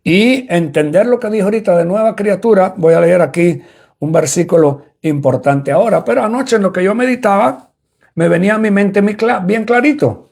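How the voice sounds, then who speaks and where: This Cuban man, an apostle, preaches a sermon in a gravelly, slightly mellow voice that sits high and moves at a normal speed. He speaks directly to his listeners, explaining his points and repeating them as he goes.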